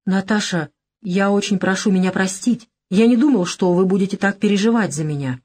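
A woman's voice: mid-range voice, fairly quick, darkish tone, breathy edge, natural voice. Brief: female reader voicing a bashful young man, polite and unsure, close to her own voice. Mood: earnest. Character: shy, earnest young man, hesitant. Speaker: audiobook character. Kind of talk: audiobook dialogue reading.

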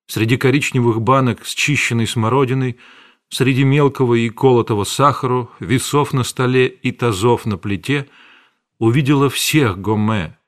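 A man reading a classic novel aloud as audiobook narrator, measured and even. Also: medium pitch. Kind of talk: scripted literary narration.

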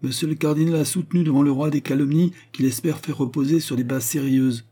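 A man's voice: on the high side, steady tone, fast talker, warm tone, breathy edge, pitched above the performer's own voice. A man reading an audiobook, voicing a stern queen who questions with cold contempt. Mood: stern, scornful. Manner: cold, cutting interrogation.

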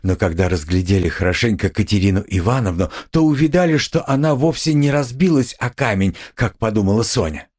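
A man narrating an audiobook in an expressive, dramatic way, recorded in a studio. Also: fairly low pitch, a little fast, hardly any pauses, husky. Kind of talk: scripted narration.

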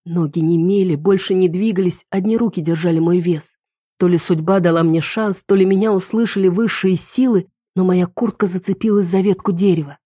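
A woman narrating a first-person dark thriller novel with tense, dramatic delivery. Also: lowish voice, fairly quick, husky, dry recording, studio quality. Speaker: audiobook narrator.

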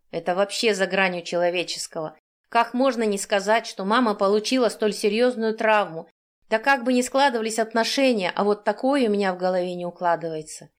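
A woman narrating a first-person audiobook in an emotionally charged, tense reading. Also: medium pitch.

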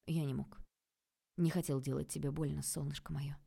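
Low, mellow, hushed young man pleading guiltily, read by a woman narrator. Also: little pitch movement, moderate pace, vocal fry, breathy edge, heavily acted. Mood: soft apologetic. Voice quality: quiet, hushed.

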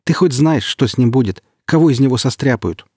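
A man's voice: mid-range voice, lively intonation, a little fast, no echo, studio quality, voice pushed up, lightly acted. A man playing a jeering brash mercenary. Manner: loud, jeering, swaggering. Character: mocking, brash male mercenary guard.

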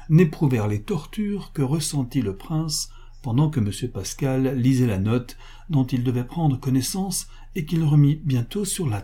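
A man narrating a classic novel aloud in a steady, formal manner. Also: mid-range voice, breathy edge. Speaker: audiobook narrator.

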